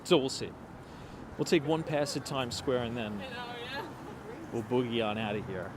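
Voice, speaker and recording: A man's voice: medium pitch, animated, normal speed. A man in his late twenties chatting casually to livestream viewers while walking outdoors on cold city streets at night, thinking aloud with fillers. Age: 20s. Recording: street noise behind.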